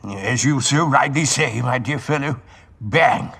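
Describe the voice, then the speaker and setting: An actor playing a genial, erudite adventuring scientist from another world in an audio drama, with a gentlemanly British voice and wry, old-fashioned phrasing. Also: male voice, mid-range voice, unhurried, vocal fry, husky, exaggerated voice. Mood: wry, relieved. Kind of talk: audio drama acting, homage to 1970s science fiction serial.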